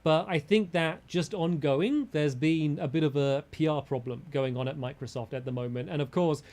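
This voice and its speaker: A man giving casual opinion commentary as a gaming creator, measured and diplomatic, carefully qualifying his points. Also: a little high, a little mellow.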